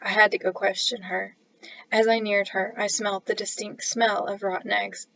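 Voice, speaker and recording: Woman author reading her story aloud, playful; gravelly voice, dull lo-fi, dry sound. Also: mid-range voice, little pitch movement, moderate pace, fairly bright tone. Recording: dull lo-fi recording.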